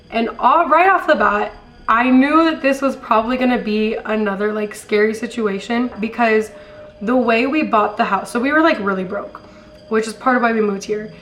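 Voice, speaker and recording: A young American woman with a smoker's rasp, hoarse from being sick, telling stories in a casual, rambling, slangy chat. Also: a little high, moderate pace, a bit bright, rough recording. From California, later Colorado, US. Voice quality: raspy, like a smoker's voice. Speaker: storytime vlogger.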